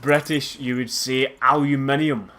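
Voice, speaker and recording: A Scottish man hosts a let's play, offering casual, chatty, self-mocking commentary over a game and breaking into loud laughs. His voice is mid-range and he talks a little slowly.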